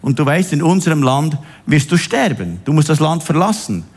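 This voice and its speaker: A man preaching a sermon, telling stories and stretching words for emphasis. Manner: animated, swings high on emphasis, drawn-out stresses. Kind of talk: sermon with storytelling.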